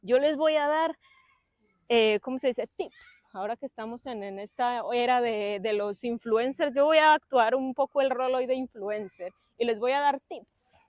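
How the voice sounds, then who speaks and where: A young woman preaching in a church service with a fairly high voice. She talks in a lively, chatty way, adding playful asides and acting out her listeners' voices. The sound is close and dry. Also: normal speed, no echo. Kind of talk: sermon.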